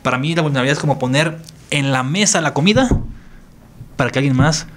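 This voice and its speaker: A priest with a Mexican Spanish accent appears as a guest on a reflective podcast interview, speaking earnestly and repeating phrases for emphasis. His voice is fairly high, expressive and a bit bright, and he talks fast.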